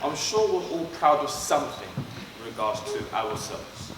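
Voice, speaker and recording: A man's voice: medium pitch, animated, moderate pace. A man from London, born in Trinidad, leading a school assembly and speaking earnestly and directly to pupils. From born in Trinidad, raised in London. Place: school hall. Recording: echoey hall, far from mic, background noise.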